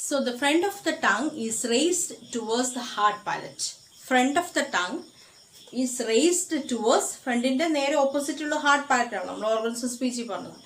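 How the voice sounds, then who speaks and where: A woman lecturer with a Malayali accent talks very slowly in a fairly high voice. She moves between English and Malayalam and restates each term with "uh" and "okay" in between. The sound is roomy and echoey, with a faint hiss underneath. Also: animated. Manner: switches between English and Malayalam mid-sentence, repeats key terms slowly; frequent "uh" and "okay" fillers, self-corrections. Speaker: phonetics lecturer. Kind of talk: recorded lecture.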